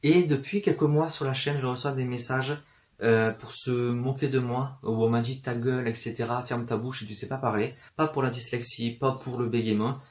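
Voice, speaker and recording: Indoors among shelves of books, a young southern French man vlogs about books in his regional accent. He speaks at normal speed in a steady, mid-range voice, but hesitates a lot, using many fillers, restarting, and occasionally stuttering.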